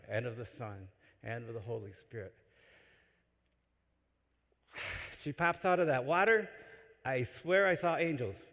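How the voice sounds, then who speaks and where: A man delivering a homily in a church, telling stories with animated swings between loud excitement and quiet asides. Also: mid-range voice. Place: large church. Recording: long church reverb. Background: church hall.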